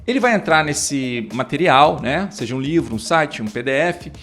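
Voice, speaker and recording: A man's voice: on the high side, expressive, moderate pace, a bit bright, faint music behind. A man teaching English, who explains lesson steps in a casual, talkative way full of fillers and restarts. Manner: talkative, many fillers and restarts, acts out teacher-student dialogues.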